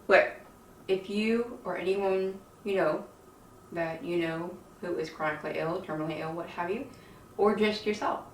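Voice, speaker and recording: A woman chatting casually to her viewers in a weary, folksy, rambling way, her speech softened by missing teeth, lips over gums. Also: medium pitch. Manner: chatty, weary, folksy slang, frequent laughs. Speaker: video creator with own channel. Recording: roomy, distant mic, faint noise.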